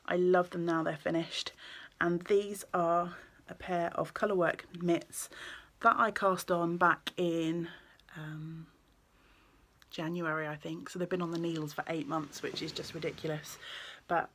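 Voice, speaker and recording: Woman, low-ish voice, casual vlogger; rambling, lots of ums and restarts. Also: little pitch movement, unhurried, a bit bright. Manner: rambling, with many ums and self-corrections. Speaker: knitting vlogger and yarn shop owner. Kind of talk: casual chatty vlog.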